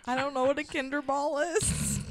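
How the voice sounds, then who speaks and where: A woman's voice: high voice, steady tone, normal speed, crowd noise. A woman chatting on a casual podcast, giggly and teasing. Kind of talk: casual group chat.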